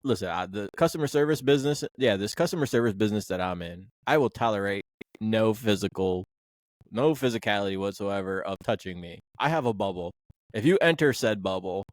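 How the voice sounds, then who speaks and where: A man's voice: lowish voice, no room sound, clean studio sound. Blunt, rambling male podcast host. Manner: blunt, rambling, swears freely. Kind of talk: casual sports podcast chat.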